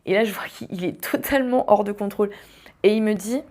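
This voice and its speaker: A young woman from western France hosting a podcast, telling a personal story in a casual, animated way, with lots of fillers and restarts. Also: mid-range voice, brisk. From Vendée, France. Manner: animated, tumbling speech with frequent fillers and restarts. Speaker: podcast host.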